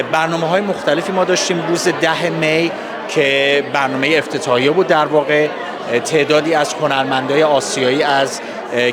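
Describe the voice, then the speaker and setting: A man with an Iranian Persian accent giving formal, courteous, halting interview answers. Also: fairly high pitch. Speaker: festival organizer interviewee. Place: public festival space with crowd. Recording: busy crowd noise, outdoor public event.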